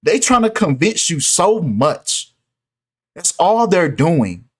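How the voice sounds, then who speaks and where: A man talking in an animated, insistent way in a casual commentary video, often repeating "right?" and "come on, man". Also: a little high, slow pace, husky.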